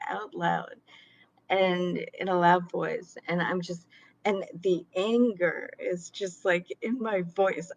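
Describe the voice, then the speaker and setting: A woman's voice: mid-range voice, low-quality recording. A woman telling a story casually to her viewers, chatty and full of fillers and laughs. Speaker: sound healer and card reader.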